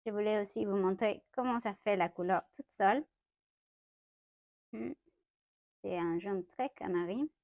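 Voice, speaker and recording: A woman's voice: mid-range voice, unhurried, pauses often, darkish tone, dry recording, dull audio. A young woman from Mexico with a Mexican Spanish accent, speaking French as a second language, giving a chatty watercolor tutorial in her home studio, often correcting herself. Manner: chatty, self-correcting, light laughs. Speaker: watercolor artist. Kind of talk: casual art tutorial.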